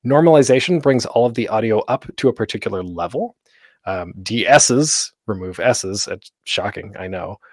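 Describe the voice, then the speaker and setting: A man hosting a convention panel as an online presentation, explaining with frequent um fillers and sometimes speaking in a deliberately staccato way into a gated desk microphone. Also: on the low side, expressive, no echo, clean studio sound. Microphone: desk microphone with a noise gate.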